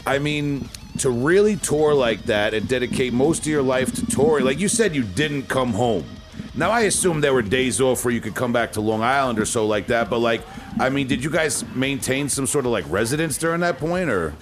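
A man's voice: mid-range voice, expressive, normal speed, music in the background. A man hosting a casual podcast interview, asking loose questions with lots of fillers and restarts.

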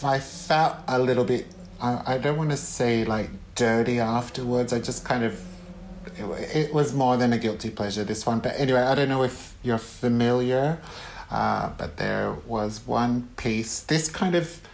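A man's voice: mid-range voice, creaky, a little hiss or hum. Rambling man guest on a podcast. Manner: rambling, halting with many restarts and ums. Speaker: guest author. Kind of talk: casual interview chat.

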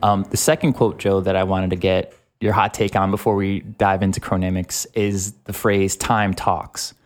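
Low-voiced guy hosting a podcast, calm and thoughtful, asking questions. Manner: thoughtful, guiding questions, measured. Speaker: podcast host. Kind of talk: reflective podcast discussion.

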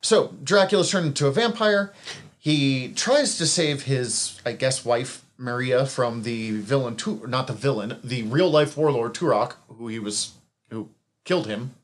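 A man's voice: mid-range voice, measured pace. Rambling man recapping comics casually. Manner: rambling, self-correcting, chuckles at own asides. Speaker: podcast co-host recapping comics.

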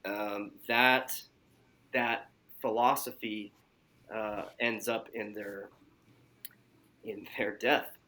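Low-voiced doctor explaining calmly. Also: male voice. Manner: measured, explanatory, frequent fillers. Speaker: physician guest. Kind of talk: interview answers.

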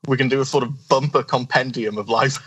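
A man's voice: mid-range voice, steady tone, a little fast, fairly bright tone, husky, rough recording. A man co-hosting a casual podcast chat, telling stories with many restarts and asides. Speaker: co-host.

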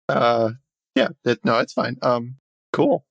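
A man's voice: medium pitch, very animated, slow, vocal fry. A man playing a tabletop role-playing game, casually chatting and asking questions in and out of character.

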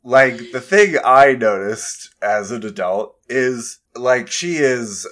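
A man co-hosting a casual podcast, leading the discussion with measured opinions. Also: medium pitch, animated, fairly bright tone. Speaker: podcast co-host. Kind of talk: casual chat.

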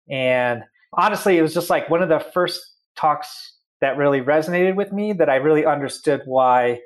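A man hosting an interview podcast, asking questions in a friendly, joking, casual way. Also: medium pitch. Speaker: podcast host.

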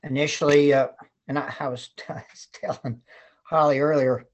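A man over seventy from West Virginia, casually reminiscing as an interview guest in an unhurried storytelling way. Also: on the high side, fairly even intonation. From West Virginia, United States. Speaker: guest, retired Marine colonel.

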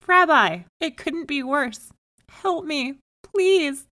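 A woman's voice: on the high side, unhurried, darkish tone, dry recording. A woman voicing a poor, frantic man in a storybook, pleading and exclaiming melodramatically. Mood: desperate pleading. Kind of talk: storybook read-aloud character.

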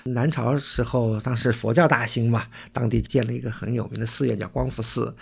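A man from Suzhou talks through place names and old local history as a co-host. His voice has a gravelly edge and a husky, slightly rough texture. The delivery is casual and explanatory. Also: mid-range voice, steady tone, fairly quick. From Suzhou, China. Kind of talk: casual cultural chat.

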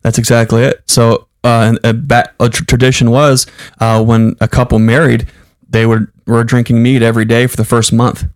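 Halting man chatting on a podcast. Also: mid-range voice, level tone, dry recording, studio quality. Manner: halting, many fillers and restarts. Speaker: podcast co-host. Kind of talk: casual chat.

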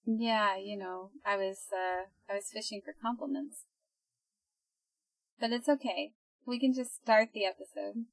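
A woman's voice: mid-range voice, fairly even intonation, a little slow, no room sound, poor audio. A young woman co-hosting a podcast, chatting in a casual, teasing way and laughing often. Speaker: podcast co-host.

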